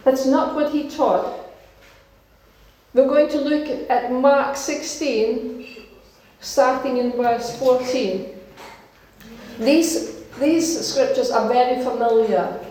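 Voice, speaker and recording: Her voice sits high and darkish as she takes it slowly, leaving long pauses. She is a Danish pastor giving an encouraging, earnest sermon in short emphatic phrases, in a church hall that echoes heavily.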